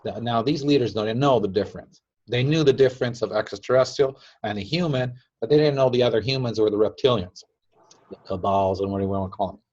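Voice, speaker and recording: A man casually explaining a story in slow, emphatic phrases that trail off softly. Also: medium pitch, muffled recording.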